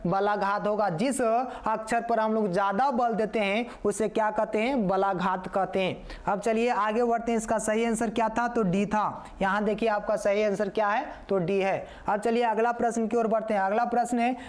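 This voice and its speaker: A high-pitched man leads a live online grammar lesson, repeating answers again and again. He addresses viewers as "yaar" and reads their answers out from the comments.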